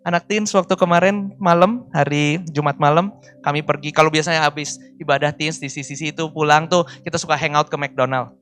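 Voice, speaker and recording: A man in his forties preaching a sermon, telling personal stories in a lively voice that swings between loud and soft. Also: on the high side, a little fast, faint music behind. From Indonesia. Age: 40s. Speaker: pastor. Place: church service.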